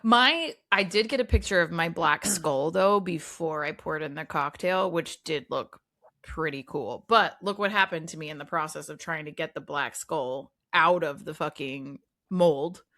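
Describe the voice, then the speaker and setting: A woman's voice: low voice, measured pace, pushed and bright. A woman co-hosting a film podcast, chatting casually, swearing freely and joking at her own expense. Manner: profane, self-deprecating, chatty. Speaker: podcast co-host.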